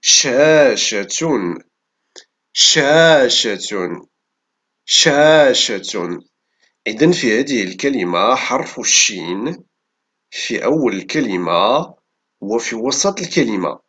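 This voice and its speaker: A man teaching reading and spelling, dictating words and syllables one by one and repeating each deliberately in an instructional way. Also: fairly low pitch, sing-song, a bit bright, breathy edge.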